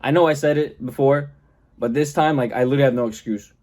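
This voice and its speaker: A young man vlogging a casual storytime about his car, animated, swearing freely and acting out the people in his quotes. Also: medium pitch, quick pace.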